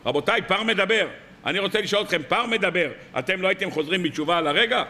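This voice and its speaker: A man preaching as a rabbi, telling stories and firing rhetorical questions at his listeners. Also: sits high. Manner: lively storytelling with rhetorical questions. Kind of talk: weekly sermon.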